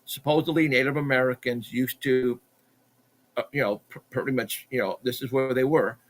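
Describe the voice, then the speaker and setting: A middle-aged man, a podcast guest, telling a story in an animated, excitable way, stumbling and repeating himself as he acts out what people said. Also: mid-range voice, moderate pace. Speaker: podcast guest, Bigfoot researcher.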